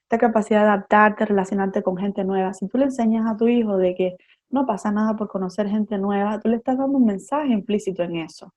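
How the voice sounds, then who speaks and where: Mellow-voiced woman psychotherapist explaining. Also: mid-range voice, brisk. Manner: explanatory, lays out ideas step by step with examples. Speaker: psychotherapist guest. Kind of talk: expert explanation in an interview.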